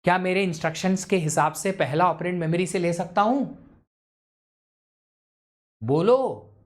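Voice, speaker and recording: सवाल पूछता हुआ ऑनलाइन शिक्षक. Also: male voice, high-pitched, measured pace. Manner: quizzes students, mixes English into Hindi. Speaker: teacher. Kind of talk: live online lecture.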